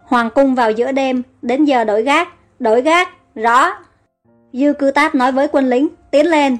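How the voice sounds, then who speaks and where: A woman reading a story aloud in steady audiobook narration. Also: high voice, brisk, faint music behind. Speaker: story reader.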